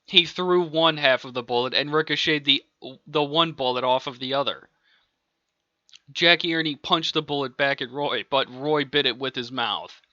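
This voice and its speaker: A man's voice: mid-range voice, moderate pace, bright, forceful tone, no room sound. A man casually narrating his own improvised audiobook story, rambling and chuckling as he goes, on a dull lo-fi recording. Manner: rambling, chuckling between lines. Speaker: amateur audiobook reader. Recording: dull lo-fi dry home recording.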